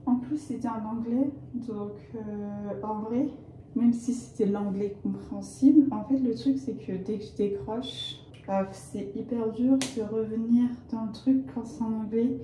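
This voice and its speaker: A young woman from the Paris area talks through her student week in a casual, meandering vlog style, full of hesitations and fillers. Her voice is very dark and mellow. The sound carries the echo of the room she records in. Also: a little high, fairly even intonation, unhurried, a little hiss or hum. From Paris area, France. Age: young adult. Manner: chatty, rambling, hesitant with frequent fillers. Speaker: student vlogger.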